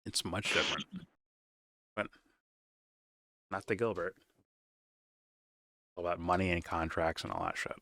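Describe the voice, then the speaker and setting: Deep, bright-toned man reacting casually. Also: measured pace, vocal fry, pauses often. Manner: loose, profane, stammering restarts with laughs. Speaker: reaction show host.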